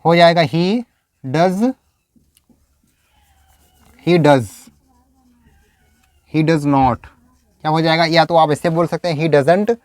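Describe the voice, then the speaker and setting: A man teaching English in a video lecture, explaining step by step and saying example sentences slowly. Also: a little high, fairly even intonation, a little mellow, no room sound.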